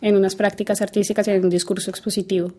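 A woman's voice: mid-range voice, little pitch movement, racing, warm tone. Woman speaking evenly. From Colombia. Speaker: guest artist. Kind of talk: interview answer.

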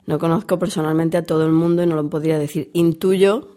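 Hoarse woman with a cold. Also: sits low, fairly even intonation, fast talker, warm tone. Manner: candid, chatty, self-deprecating. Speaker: comics author and editor. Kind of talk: casual interview.

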